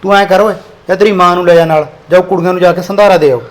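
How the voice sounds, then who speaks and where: A man's voice: high voice, fairly even intonation, racing, lightly acted. A man playing an impatient village farmer father with a Punjabi accent, scolding his son. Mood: soothing. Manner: scolding, nagging. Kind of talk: village drama acting.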